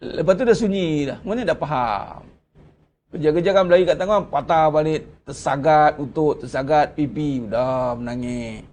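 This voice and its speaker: Male religious teacher, Malaysian Malay accent, high-pitched, conversational sermon delivery with rhetorical questions. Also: moderate pace, a little mellow. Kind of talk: Ramadan religious lecture.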